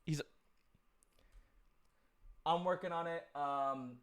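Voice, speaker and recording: A man telling a travel story in an animated, profane, self-mocking way. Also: fairly high pitch, slow, clean tone. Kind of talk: casual storytelling.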